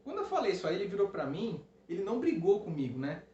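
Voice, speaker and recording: A man casually telling a personal story to the camera, animated, with many restarts and "né?" tags. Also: high-pitched, fast talker. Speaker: co-host, husband. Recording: roomy, dull lo-fi sound with faint hiss.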